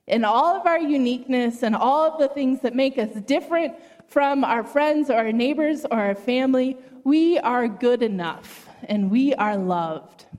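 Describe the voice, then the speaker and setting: High, slow-talking woman telling a church story. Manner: gentle, warm storytelling with voiced characters. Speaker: children's message speaker at a worship service. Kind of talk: storytelling children's sermon. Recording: echoey hall.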